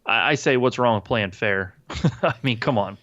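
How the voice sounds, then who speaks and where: A man's voice: medium pitch, normal speed, a bit bright, dull audio. A man co-hosting a casual gaming podcast, rambling and swearing, with lots of fillers and restarts. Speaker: podcast co-host.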